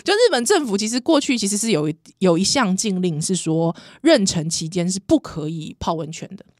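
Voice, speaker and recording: Brief: Taiwanese woman, thirties, pregnant podcast co-host, animated storyteller, dry close sound. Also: mid-range voice, fairly quick, no echo. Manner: laughs often, animated storytelling, slips into Taiwanese. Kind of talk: casual chat.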